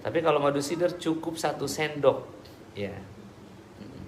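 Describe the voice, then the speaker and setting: A man preaching and answering audience questions in a relaxed, conversational way with everyday examples. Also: on the high side, measured pace, crowd noise. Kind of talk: casual religious Q&A talk. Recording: echoey room with background noise.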